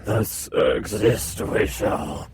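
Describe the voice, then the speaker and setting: Ancient elder beings, robot voice filter, deep and slow, grave declaiming, faint background hiss. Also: female voice, darkish tone, heavily acted. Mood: solemn. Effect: robot voice changer. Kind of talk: fan dub voice acting.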